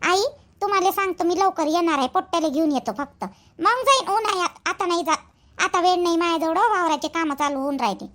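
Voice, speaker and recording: This is a fast-talking woman with an extremely high pitch and a fairly bright tone, performing a busy village mother in a cartoon. In colloquial Varhadi Marathi of Vidarbha, she rambles, repeats herself, and stays chatty and practical through the rural family dialogue.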